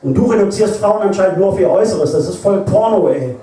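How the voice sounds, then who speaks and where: A brash young woman with a reckless streak pushes and teases, as a male author puts her on during a reading. The voice sits somewhat raised and carries a lot of room echo. It sounds mellow and a bit far from the mic. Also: high-pitched, expressive, fast, voice pushed up. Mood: indignant. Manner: bold, pushy, teasing. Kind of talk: live literary reading. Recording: echoey venue, voice from a distance.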